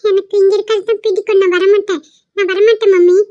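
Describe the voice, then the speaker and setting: A woman's voice: very high voice, steady tone, moderate pace, dark tone, no room sound, highs cut off. A woman doing a stubborn giggly little boy. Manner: giggling, whiny.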